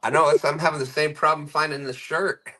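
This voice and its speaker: A man's voice: a little high, flat delivery, fairly quick, sharp tone. Give me a man hosting a live fishing stream, greeting viewers and chuckling as he reads comments. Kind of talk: casual live-stream chat.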